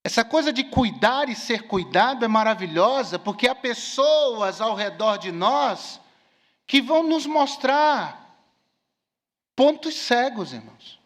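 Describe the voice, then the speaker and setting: A man's voice: extremely high pitch, very animated, a little slow, a bit bright, long reverb tail. A middle-aged male pastor preaching a sermon, telling stories and acting out quoted dialogue. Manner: storytelling with acted-out quotes.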